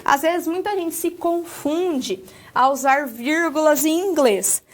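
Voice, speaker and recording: High-voiced Brazilian woman teaching English. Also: slow pace. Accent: Brazilian Portuguese. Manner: explains step by step with many "ok?" checks. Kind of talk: recorded lesson.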